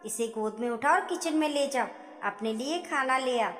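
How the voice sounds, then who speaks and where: A woman's voice: sits high, moderate pace, close to an everyday voice. A woman voicing a harsh, bossy middle-aged mother-in-law who scolds sharply and irritably. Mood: angry. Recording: echoey room with long reverb.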